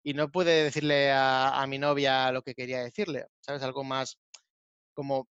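A man's voice: medium pitch, level tone, moderate pace, fairly bright tone, smooth, no echo, highs cut off. A man co-hosting a casual Spanish-learning talk show, explaining words and playfully imitating sounds. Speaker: Spanish teacher podcast co-host. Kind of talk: casual teaching chat.

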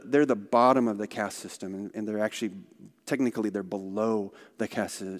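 A man speaking for a missionary organization, telling stories in a conversational church talk with asides. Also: lowish voice. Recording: long hall reverb.

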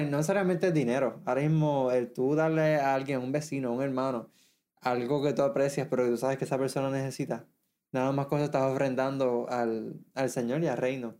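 Mellow-voiced man talking about faith. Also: mid-range voice. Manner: halting, restarts often, quotes scripture. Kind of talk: casual religious talk.

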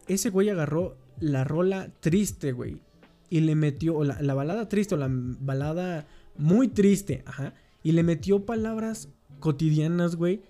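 Young mexican dude, laid back slangy talk, kinda high but mellow voice. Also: male voice. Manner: slangy, says "güey" constantly. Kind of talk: casual chat.

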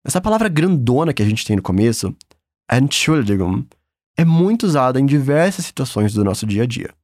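A man's voice: mid-range voice, sing-song, fairly quick, a little mellow, dry recording, clean studio sound. A man with a Brazilian accent teaching a German lesson in a patient, encouraging, upbeat way. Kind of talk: language lesson.

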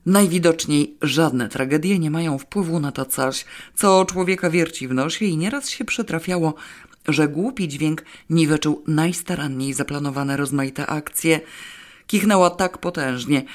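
A woman narrating a first-person novel as an audiobook, wry and expressive. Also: deep voice.

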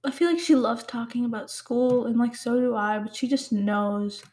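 Hosting her casual solo podcast, a Pakistani-heritage teen girl talks at a moderate pace in a voice on the high side, darkish in tone with fairly even intonation. Her chat rambles and teases herself, packed with "like" and "um."

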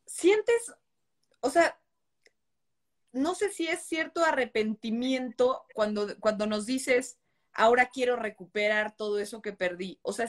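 A woman, an interviewer asking her guest probing questions in a conversational way. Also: fairly high pitch.

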